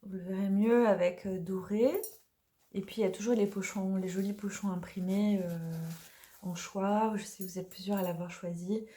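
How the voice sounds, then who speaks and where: A woman casually presenting her oracle deck, chatty and hesitant with many fillers, slightly hoarse from allergies. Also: medium pitch, fairly even intonation, normal speed, mellow. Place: dim room in the evening.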